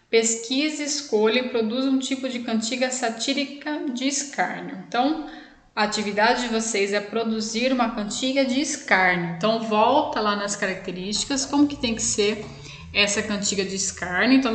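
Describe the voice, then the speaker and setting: A woman's voice: fairly high pitch, fairly bright tone, roomy sound. A woman teacher giving a recorded video lesson, talking in a chatty way with lots of tag questions to her students.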